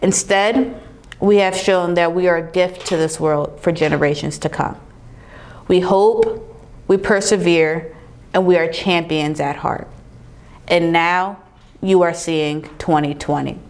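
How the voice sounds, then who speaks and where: A woman's voice: fairly low pitch, steady tone, darkish tone. Earnest young woman giving a graduation speech. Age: young adult. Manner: earnest, measured, reads a list-like speech with pauses. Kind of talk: prepared commencement speech. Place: studio in front of a backdrop, indoors.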